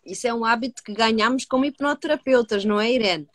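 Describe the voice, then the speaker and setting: A woman with a European Portuguese accent, a hypnotherapist co-hosting a live discussion, earnest and measured, who asks rhetorical questions and then answers them. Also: a little high, no echo. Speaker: co-host, hypnotherapist. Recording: dry close sound.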